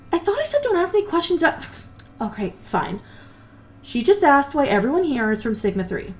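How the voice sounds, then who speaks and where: An awkward, exasperated female magic scientist played by a woman in an audio drama. Her pitch swings in a lively way as she rambles and hesitates like a reluctant lecturer. There is faint noise behind her. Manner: rambling, hesitant, dryly exasperated public speaker.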